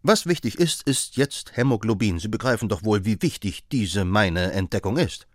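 A man reading an audiobook, voicing an eager, brilliant young male chemist who talks in quick, excited bursts. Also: on the low side, no echo, studio quality, close to an everyday voice. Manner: excitable, rapid and exclaiming. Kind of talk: audiobook character voice.

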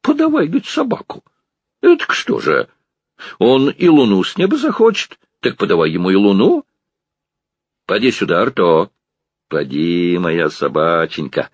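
A man reading an audiobook, voicing a proud, gruff old male organ-grinder who talks with grumbling dignity. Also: deep voice, huge pitch swings, moderate pace, pauses often, no echo, exaggerated voice. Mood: wry.

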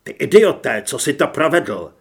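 A man voicing a furious, tough male monster hunter, shouting in rage, with a husky voice. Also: fairly high pitch, very animated, full character voice. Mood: enraged. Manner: shouting, enraged.

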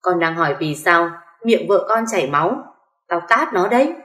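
A woman's voice: expressive, moderate pace, a bit bright. An older mother-in-law who shrieks accusations in a rage, played by a woman narrator. Her voice cuts through the echoing room. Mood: furious. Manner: shrill, accusing. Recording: echoey room.

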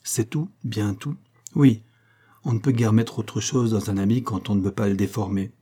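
A man's voice: on the low side, fairly even intonation, moderate pace, warm tone, slightly rough. A man reading the part of an anxious, loyal male government aide in an audiobook, speaking earnestly.

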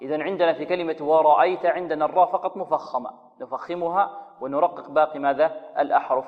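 A man gives a tajweed lesson in a fairly high voice. He keeps asking "what?" and then answers his own question, and he slows down to chant short verse examples. The recording is dull and lo-fi, with a long echo trailing behind him. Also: steady tone. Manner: asks rhetorical questions and answers them himself; slowly intones sample verses to demonstrate pronunciation. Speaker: Quran recitation teacher.

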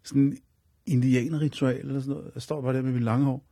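Gravelly, husky man telling his story. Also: medium pitch, flat delivery, mellow, dry recording, studio quality. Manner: rambling and repetitive, leaning on fillers. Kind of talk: personal storytelling on radio.

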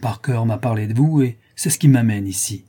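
A man voicing a quick-talking, smooth middle-aged financial agent who flatters as he persuades, in an audiobook. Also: medium pitch, natural voice. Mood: eager persuasion. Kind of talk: audiobook character voice.

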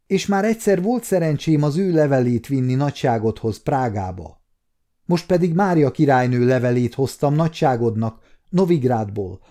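A man's voice: medium pitch, dark tone, close to an everyday voice. A man voicing an earnest, polite young male page who stumbles over forms of address.

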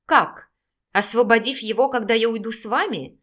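A woman voicing a defiant young wife who answers in sharp outcries. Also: a little high, moderate pace, close to an everyday voice.

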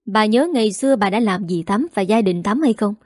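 A woman's voice: medium pitch, a little fast, darkish tone, no room sound, studio quality, close to an everyday voice. A woman voicing a cold, irritated husband who speaks curtly in a storybook. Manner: curt, scolding.

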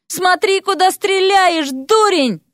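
A woman voicing a feisty, exasperated young frog princess who shouts shrilly in an audiobook. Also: very high voice, takes it slowly, no room sound, clean studio sound, pitched above the performer's own voice, heavily acted. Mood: yelling. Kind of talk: audiobook character voice.

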